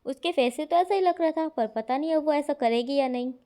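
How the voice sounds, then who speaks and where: Woman narrator, high voice, casual storytelling read with listener asides. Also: brisk, mellow. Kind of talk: fan-fiction story reading.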